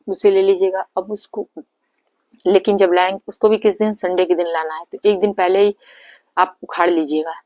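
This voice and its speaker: A woman's voice: on the low side, a little mellow, no room sound. A woman explains a home ritual step by step, repeating herself and restarting her sentences as she instructs. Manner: repetitive, instructive, restarts and self-corrections. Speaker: astrology and remedy presenter. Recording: dull lo-fi, dry close sound.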